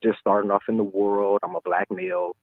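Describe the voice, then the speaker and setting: A man in his twenties from Michigan, calling into a live show over the phone and talking in a hesitant, halting way with lots of fillers. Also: lowish voice, sing-song, gravelly, no room sound. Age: 20s. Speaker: caller. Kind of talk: casual call-in chat. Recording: tinny, dry phone line.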